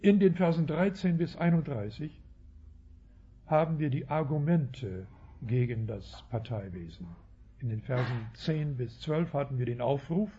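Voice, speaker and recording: Speaking at a measured pace in a husky, medium-pitched voice, the man teaches the Bible through an expository sermon, recorded with lo-fi sound. Habitually, he ends sentences with "ja" and revises his own words as he goes.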